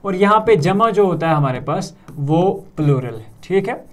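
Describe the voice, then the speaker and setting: A young man with a Kashmiri accent teaching a grammar lesson, repeating words slowly and checking in often with "theek hai". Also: high voice, lively intonation, a bit bright.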